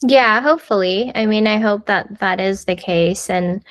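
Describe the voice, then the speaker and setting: Chatty and American, this woman guest talks through a relaxed interview, her speech sprinkled with "like" and "you know." She speaks at a medium pitch and normal speed in a dry recording.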